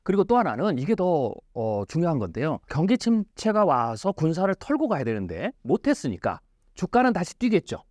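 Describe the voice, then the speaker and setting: A man's voice: on the high side, huge pitch swings, normal speed, darkish tone, no echo. A man as an interview guest, explaining in an emphatic way with rhetorical questions. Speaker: futurist guest.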